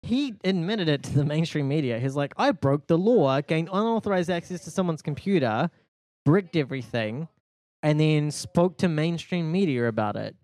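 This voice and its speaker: A man co-hosts a casual podcast chat in a slightly high, animated, a little mellow voice at a moderate pace. He rambles, jokes and swears freely.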